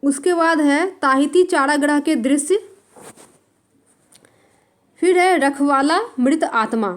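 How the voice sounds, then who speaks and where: A woman teaching art for exam prep, writing on a board and repeating terms slowly for students to note down. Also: high-pitched. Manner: writes on a board while dictating.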